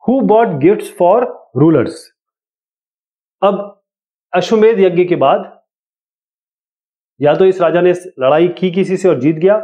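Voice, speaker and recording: Male teacher, casual explainer, slightly high voice, tinny phone-like recording. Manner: casual, explanatory, reads questions slowly. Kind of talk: explaining an exam lesson.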